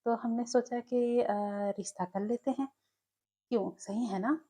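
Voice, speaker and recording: A woman's voice: a little high, unhurried, mellow, husky. A woman voicing a cheerful older brother who talks in a jovial, chatty way. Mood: coaxing.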